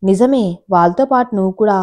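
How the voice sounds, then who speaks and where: A woman's voice: medium pitch, quick pace, darkish tone, lightly acted. Woman voicing a coy teasing young woman.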